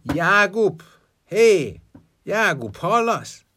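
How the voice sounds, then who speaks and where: A man voicing a bony, impatient male Death in a folk tale, loud and blustering. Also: low-pitched, animated, noisy background. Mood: calling out. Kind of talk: storytelling.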